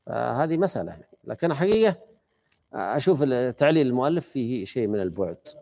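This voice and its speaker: Brief: man teacher, quick and conversational, middle pitch, keeps quizzing the class. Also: big pitch swings, creaky, mellow. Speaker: teacher of a study circle. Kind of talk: explaining a classical text to students.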